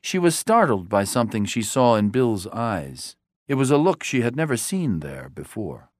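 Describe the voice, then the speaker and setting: A male narrator reading a dramatic story in a measured way. His mid-pitched voice moves with lively intonation and drops low on dialogue tags. The recording is dry and close. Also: dry recording.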